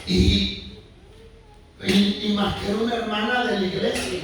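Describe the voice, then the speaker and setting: High-pitched guy preaching slow and fired up, big echoey church, mic far off. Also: fairly even intonation. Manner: impassioned, rising to shouts, drawn-out emphatic phrases. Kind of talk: sermon. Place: church sanctuary. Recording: very echoey church hall, mic at a distance, faint noise.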